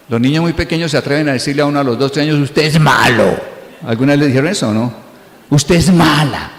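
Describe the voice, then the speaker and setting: A man's voice: on the high side, gravelly. A middle-aged Colombian man preaching a sermon as pastor, often questioning his congregation and acting out little dialogues. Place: church hall. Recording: echoey church hall.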